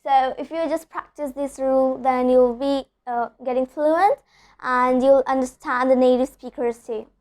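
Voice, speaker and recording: A woman's voice: high voice, steady tone, a little slow, a little mellow. A young woman teaching English pronunciation in an online lesson, patiently repeating example words and checking in with "okay?".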